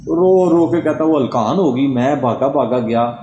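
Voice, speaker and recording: A man's voice: warm tone, dull audio, slight background noise. A man telling a Sufi devotional story, dramatically acting out the quoted speakers. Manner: dramatic, acts out quoted dialogue in a lowered voice. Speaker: religious storyteller. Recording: roomy echo with long hall reverb.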